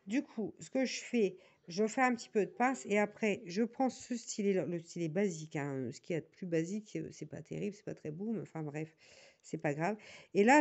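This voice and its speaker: A woman's voice: on the low side, a little mellow. A woman with a northern French accent, talking casually to viewers in a rambling, chatty way as she shows her crafting tools. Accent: northern French (Nord). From northern France. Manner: rambling, many fillers and restarts, chatty asides. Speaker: diamond painting vlogger. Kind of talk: casual tutorial chat to viewers.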